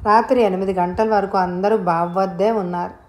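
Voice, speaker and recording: A woman's voice: mid-range voice, fairly even intonation, fairly quick, close to an everyday voice. A woman voicing a practical, caring grandmother.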